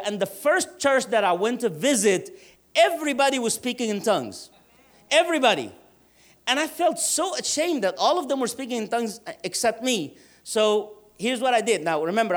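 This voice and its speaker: A man's voice: very high-pitched, very animated. Man preaching a sermon. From Egypt. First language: Arabic. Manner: earnest, emphatic with slow drawn-out stresses. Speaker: pastor.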